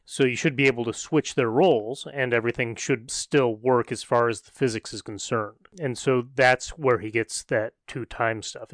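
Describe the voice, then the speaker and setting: A man's voice: medium pitch, a bit bright, dry recording. A man co-hosting a podcast, explaining ideas casually and checking his understanding with questions. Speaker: podcast co-host.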